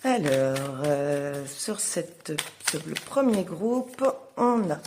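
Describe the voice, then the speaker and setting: Young woman astrologer pulling tarot cards, lots of ums, slow and halting, lowish voice. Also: sing-song, background noise. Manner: hesitant, many fillers, slow and halting. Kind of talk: casual tarot reading for viewers.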